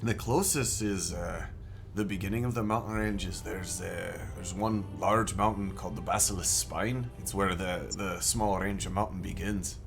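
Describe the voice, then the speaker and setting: A man running a tabletop game as game master, talking in a halting way with frequent restarts, over a remote call microphone. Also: sits low, creaky, music in the background. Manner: halting, many restarts and fillers. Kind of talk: improvised character and game narration.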